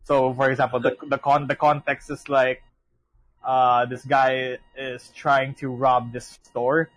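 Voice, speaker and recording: A man's voice: medium pitch, little pitch movement, unhurried, a bit bright, rough recording. A young man co-hosting a casual podcast, rambling with lots of restarts and swearing. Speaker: podcast co-host. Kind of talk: casual chat.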